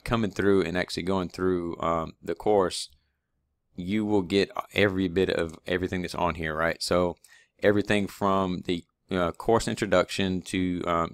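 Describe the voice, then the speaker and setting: A low-pitched man talks in a flat, even tone as he walks viewers through his training course in a loose, rambling way full of fillers and restarts. His voice is clean and smooth, recorded close on a dry desk mic with no room sound. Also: no room sound. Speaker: online PLC course instructor. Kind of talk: screen-recorded course walkthrough.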